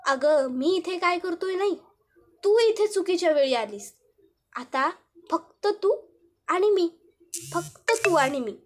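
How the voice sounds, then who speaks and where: A sly male villain who taunts in a mocking sing-song, his high voice leaping up. A woman puts him on while retelling a TV serial. The storytelling stays lively. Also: takes it slowly, long pauses, heavily acted.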